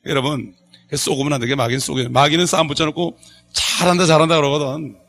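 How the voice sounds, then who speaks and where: Bright, lively Korean preacher man. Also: mid-range voice, fairly quick, creaky. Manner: call-and-response preaching, asks the congregation questions; jokes and laughs with the congregation. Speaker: pastor. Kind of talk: sermon.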